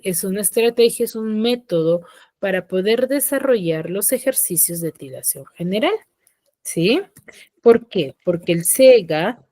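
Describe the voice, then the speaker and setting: Woman teacher, online class; slow, patient explaining, steady check-in questions, dry close sound. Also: on the low side, dry recording. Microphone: computer mic on a video call.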